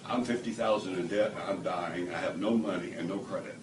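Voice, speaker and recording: Deep-voiced and brisk, this man delivers an animated testimonial to a small group in an indoor room at a product demo, acting out dialogue and laughing often. Background noise comes through, and the room sounds echoey with the mic at a distance.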